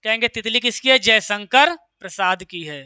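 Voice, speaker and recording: Male tutor, smooth clear tone, questioning lecture style, dry close recording. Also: high-pitched, sharp tone, dry recording. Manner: recites verse lines slowly, quizzes with rhetorical questions. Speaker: teacher. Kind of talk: exam-prep lecture.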